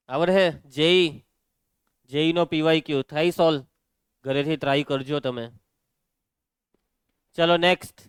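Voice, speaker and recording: A man teaching a maths lesson, walking students briskly through each step. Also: fairly high pitch, clear, resonant tone, dry recording.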